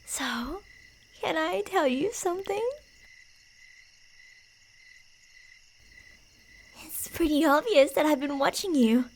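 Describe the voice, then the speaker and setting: A woman plays a delusional yandere killer in an ASMR roleplay, playfully menacing as she teases in a sing-song voice and drops into breathy whispers. Her high-pitched, expressive voice moves at normal speed, sounding eager and playful.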